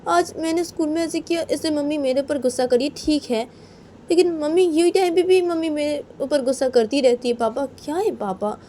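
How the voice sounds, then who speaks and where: A woman voicing a whiny teenage daughter who complains in a high voice. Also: brisk, dark tone, slight background noise, natural voice. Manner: high, whining, repeats "kya hai".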